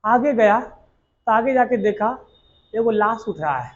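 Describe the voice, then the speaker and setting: A man's voice: sits high, lively intonation, slow pace, highs cut off. A male teacher, telling a history lesson as a story in earthy colloquial talk and quizzing his students as he goes. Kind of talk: exam coaching lecture told as a story.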